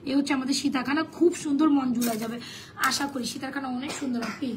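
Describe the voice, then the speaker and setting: Hoarse, fast, high-pitched Bangladeshi saleswoman. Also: fairly even intonation, noisy background. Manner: chatty, mixes English sales phrases. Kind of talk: live sales stream.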